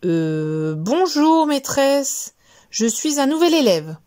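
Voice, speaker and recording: A woman's voice: high voice, slow pace, noisy background, pitched above the performer's own voice, heavily acted. Woman doing a chirpy little boy mouse. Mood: whispering shyly. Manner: excited, chirpy.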